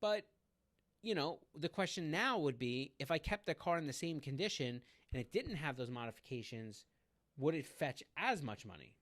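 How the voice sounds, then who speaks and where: A man's voice: fairly high pitch, sing-song, normal speed, fairly bright tone. Rambling casual male podcast co-host. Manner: rambling, many fillers and restarts. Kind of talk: casual chat.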